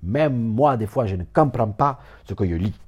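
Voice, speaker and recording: A man's voice: mid-range voice, animated, normal speed, darkish tone, husky. A man giving a comic mock lecture, rambling, repeating words and stumbling playfully over them.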